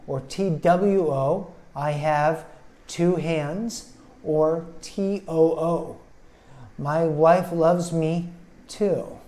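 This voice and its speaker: Slow, deliberate man teaching English. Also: on the high side, dark tone. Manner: slow, deliberate, sounds out words syllable by syllable. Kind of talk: English pronunciation lesson.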